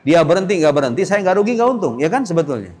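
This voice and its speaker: In a large hall of a mosque, a young man with a fairly high, sing-song voice that is a little mellow and slightly rough teaches a religious lesson. He speaks directly to the boarding school students and plays parents and children in quick little voices.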